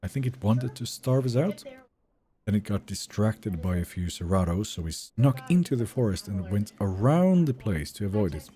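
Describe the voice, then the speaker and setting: A young man with a low, mellow voice, relaxed and chatty as he streams a game live. His pitch rises and falls a lot while he answers his chat. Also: moderate pace. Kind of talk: live gameplay commentary.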